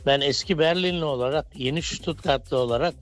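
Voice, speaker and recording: A man's voice: fairly high pitch, a little fast, soft background music. Middle-aged man calling in by phone. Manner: effusive, chummy praise. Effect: heard over a landline phone line. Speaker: radio show caller. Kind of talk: casual phone-in chat.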